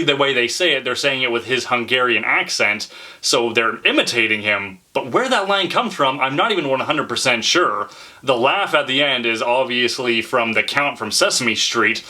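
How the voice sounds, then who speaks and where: Guy hosting a horror vid, chatty and into it, kinda bright sharp voice. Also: mid-range voice, animated, moderate pace. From Canada. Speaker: horror video host. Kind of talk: casual talk to camera.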